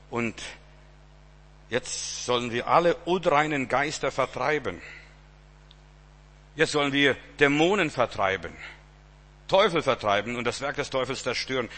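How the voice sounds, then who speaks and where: A middle-aged male preacher delivering a sermon with a bright, forceful tone. He speaks emphatically, swinging between loud declarations and soft asides, at a medium pitch.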